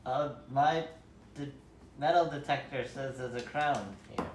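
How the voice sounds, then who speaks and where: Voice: medium pitch, fairly even intonation, measured pace, distant mic, slight background noise. A player in a tabletop game, talking in a playful, jokey way. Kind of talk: casual tabletop play. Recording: echoey room, away from the mic.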